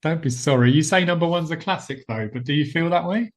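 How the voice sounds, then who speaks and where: A man's voice: a little high, quick pace. A man co-hosting a podcast, chatting casually and laughing often at himself. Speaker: podcast co-host. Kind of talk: casual chat.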